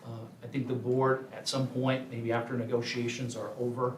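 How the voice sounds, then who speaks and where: A man gives a measured meeting report to a school board, with frequent filler pauses. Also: medium pitch, little pitch movement, a little hiss or hum. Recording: echoey meeting room, voice from far off.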